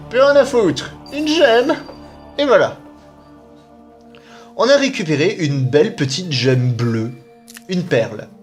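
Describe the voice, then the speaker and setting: A man giving casual, playful commentary as he plays a video game, exclaiming and muttering to himself. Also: fairly high pitch. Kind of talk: casual let's-play commentary.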